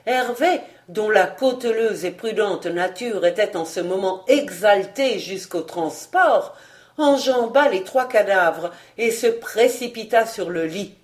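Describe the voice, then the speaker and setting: A volunteer reader narrates a classic novel as an audiobook, steady and expressive. The voice sits mid-range and moves slowly.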